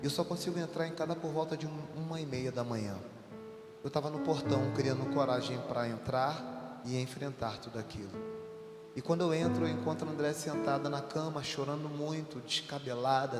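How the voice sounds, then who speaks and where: A Brazilian man, a pastor, tells his church testimony in an earnest, confessional way, with music behind him. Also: mid-range voice. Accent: Brazilian Portuguese. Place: church hall. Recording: echoey hall with loud music behind.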